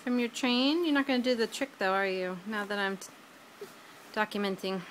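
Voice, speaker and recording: A woman's voice: mid-range voice, steady tone, moderate pace, a little hiss or hum. A woman filming her toddler at home, coaxing the child in a sing-song voice to show off new words. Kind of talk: casual home video.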